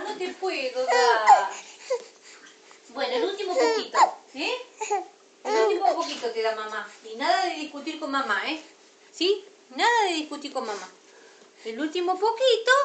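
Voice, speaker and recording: A mother with an Argentine accent talking to her baby at home, coaxing her sweetly and scolding her gently. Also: very high-pitched. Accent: Argentine Spanish. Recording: roomy, distant, noisy home video.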